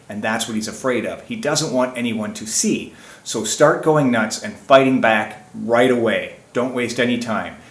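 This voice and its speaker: Male self-defense instructor, mid-pitched, emphatic teaching delivery, recorded in an echoey room. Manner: emphatic, asks and answers his own questions. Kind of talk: instructional presentation.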